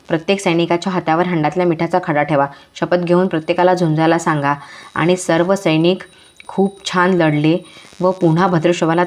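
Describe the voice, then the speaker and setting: A woman narrates a devotional folk tale with a low, steady voice. She speaks in measured, rhythmic short phrases, in the manner of a traditional storyteller.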